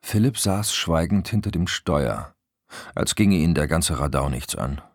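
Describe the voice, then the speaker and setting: A man narrating an audiobook in an expressive storytelling manner. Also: very deep voice, a little slow, dry recording, studio quality. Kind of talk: scripted narration.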